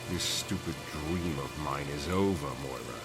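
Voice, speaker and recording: An actor playing an older, guilt-ridden professor in a motion comic, speaking in a grave, measured, eloquent way. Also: male voice, rumbling low, loud music behind the voice. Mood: bitter resolve. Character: weary, guilt-ridden older male professor and mutant mentor.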